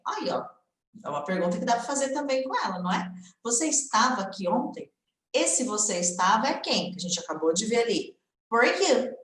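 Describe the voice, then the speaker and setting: A woman teaching an English lesson on a live stream, talking to viewers in a lively, chatty way and modeling phrases. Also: a little high. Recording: echoey room.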